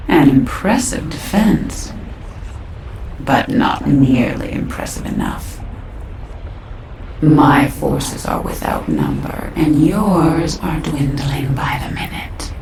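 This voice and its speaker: A woman's voice: low voice, takes it slowly, vocal fry, a little mellow, heavily acted. A woman playing a menacing, contemptuous alien swarm queen in a video game, speaking in an imperious, threatening way. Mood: cold menace. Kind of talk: dramatic video game villain acting. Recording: echoing voice over noisy battle ambience.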